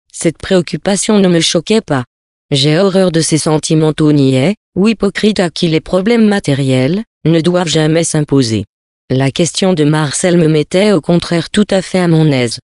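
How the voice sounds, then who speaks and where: A reader narrating a novel in the first person, with a measured, even delivery. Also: medium pitch, no echo, studio quality. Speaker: reader of a story.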